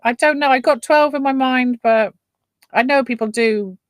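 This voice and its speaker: A woman's voice: high-pitched, normal speed, no room sound. A middle-aged woman with an English accent, chatting casually as a live stream host. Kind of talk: casual chat.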